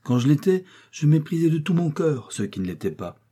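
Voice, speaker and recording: An older lady who lost her fortune fawns over riches, agreeing eagerly and ingratiatingly. A male reader puts her on, his voice lifted high above his own, with a dark, husky undertone. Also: very animated, fairly quick. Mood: fawning. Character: fawning ruined older lady who worships wealth.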